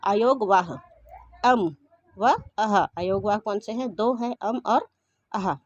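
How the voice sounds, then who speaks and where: In a medium-pitched voice with no echo, a woman teaches a grammar lesson, posing questions and answering them herself while slowly repeating each definition.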